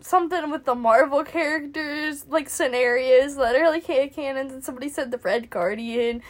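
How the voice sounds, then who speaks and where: A high-pitched teenage girl rambles through a casual chat, giggling as she goes. Her talk is loose and self-mocking, and she jumps from thought to thought. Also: moderate pace. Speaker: podcast co-host.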